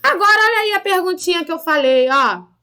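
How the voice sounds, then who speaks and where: Bright high-pitched teacher from Rio. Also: female voice, animated, fairly quick. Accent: Rio de Janeiro Portuguese. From Rio de Janeiro, Brazil. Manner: patient, explanatory, frequent tag questions. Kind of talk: recorded online class for children.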